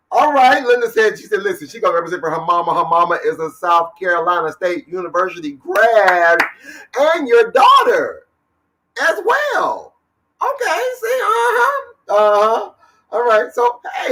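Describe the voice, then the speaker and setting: High, bright-voiced energetic male host. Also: distant mic, poor audio. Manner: energetic, hypes up viewers, calls out names. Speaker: talk show host. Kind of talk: lively livestream hosting.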